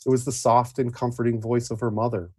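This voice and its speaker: A man with a husky voice telling a dramatic story as game master of a tabletop game. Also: mid-range voice, flat delivery, fairly quick, warm tone, no room sound.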